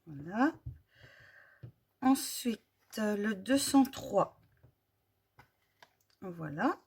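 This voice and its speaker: A woman with a French accent casually reviewing glitter paint tubes, slowly listing colour numbers with frequent fillers. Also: medium pitch, animated, a little mellow, slightly rough. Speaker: vlogger.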